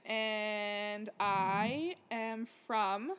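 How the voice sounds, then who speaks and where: A woman of twenty-one from Manitoba, co-hosting a podcast in casual chat with relaxed, self-deprecating humor. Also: medium pitch, extremely slow, clear, resonant tone. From Manitoba, Canada. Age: 20s. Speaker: podcast co-host.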